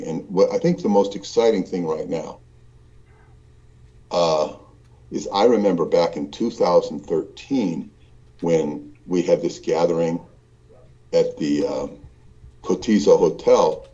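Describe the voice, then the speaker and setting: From the hallway of a small hotel room, a traveling guest calls in for a casual chat over the internet. His low, mellow voice moves at a measured pace with frequent pauses, and the dull audio sounds distant and cavernous as he rambles with many fillers and restarts.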